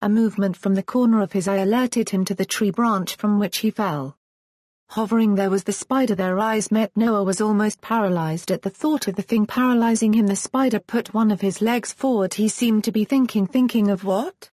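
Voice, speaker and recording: A woman narrating a fantasy storybook in a measured, even reading voice. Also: mid-range voice, no echo, studio quality. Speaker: audiobook narrator.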